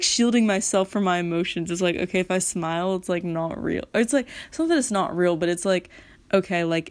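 A woman's voice: lowish voice, darkish tone. A teenage girl venting in a casual monologue, rambling with lots of "like" and swearing freely. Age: teens. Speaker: high school student.

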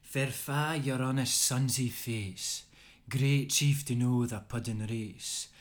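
Irish man doing a Scottish accent, old verse recital, rolling and theatrical, middle pitch. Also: steady tone, slow pace, natural voice. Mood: declaiming. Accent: put-on Scottish. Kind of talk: poetry recital.

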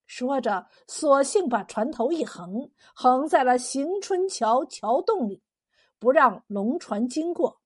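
Lively high-voiced woman storyteller. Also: slow, slightly rough. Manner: lively, expressive, animated. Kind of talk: folk tale storytelling.

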